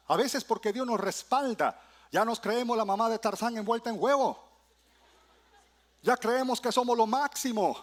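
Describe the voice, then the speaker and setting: A man preaching a sermon in a church, swinging from loud exclamations to hushed, low phrases.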